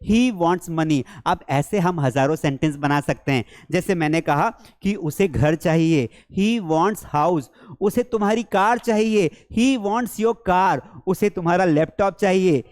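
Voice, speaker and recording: A man with an Indian accent teaching spoken English. He explains step by step, asks his own questions, answers them, and says the English examples slowly. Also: high voice, darkish tone. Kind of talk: spoken English lesson in Hindi.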